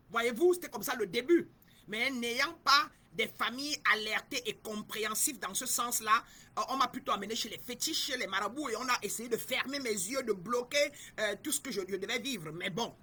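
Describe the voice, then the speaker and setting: A middle-aged Cameroonian woman who works as a spiritual guide preaches in a fairly high, husky voice with bright, forceful emphasis. Delivering spiritual teaching, she repeats her points and keeps addressing her listeners directly.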